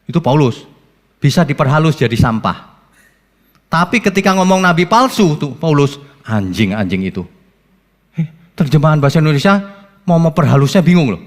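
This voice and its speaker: Animated preaching man in reverberant hall. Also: a little high, fairly quick. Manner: animated, rhetorical questions and mock quotes. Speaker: pastor. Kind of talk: sermon. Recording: long church reverb.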